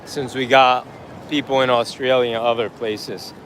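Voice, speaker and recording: A man live-streaming as he walks a busy city street, rambling in a relaxed way and greeting chat viewers by name. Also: medium pitch, normal speed, slight background noise. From United States. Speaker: livestream vlogger. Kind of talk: casual live-stream chat while walking. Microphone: handheld phone on a gimbal.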